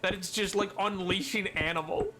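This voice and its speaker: A man streaming a game, chatting casually in an excitable, rambling way and laughing often. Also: high-pitched, normal speed, noisy background. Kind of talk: casual gameplay commentary.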